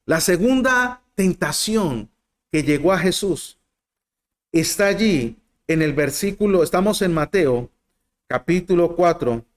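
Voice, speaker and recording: A man preaching a sermon to a group, asking them questions and swinging between loud emphatic lines and soft low ones. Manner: addresses listeners directly, asks rhetorical questions.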